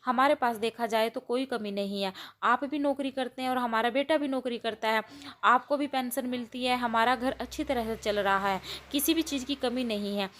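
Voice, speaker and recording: A woman storyteller plays an older mother-in-law in a spoken story, speaking softly and pleadingly in a fairly high voice. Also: moderate pace, slight background noise, close to an everyday voice. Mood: gentle.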